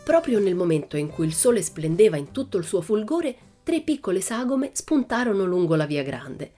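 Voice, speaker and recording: A woman narrating a children's audiobook in a steady, expressive storytelling manner. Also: medium pitch, moderate pace, faint music behind.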